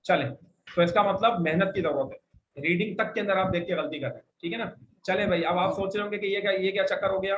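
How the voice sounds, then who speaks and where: Male teacher from Pakistan, high bright voice, strict drilling, corrects mistakes. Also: steady tone, slight background noise, low-quality recording. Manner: firm, corrective, drills students. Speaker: Arabic teacher. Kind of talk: classroom lesson with online students.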